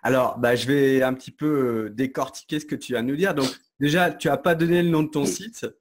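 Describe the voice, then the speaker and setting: A man's voice: medium pitch, a little fast, a little hiss or hum. A man hosting an interview, friendly and chatty, thinking aloud as he sets up his questions. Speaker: host, interviewer. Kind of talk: casual interview talk.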